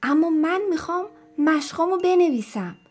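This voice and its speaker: A woman voicing a stubborn little girl in a storybook, who chants her loud, defiant refusals. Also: mid-range voice, steady tone, slightly rough, close to an everyday voice. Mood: insistent.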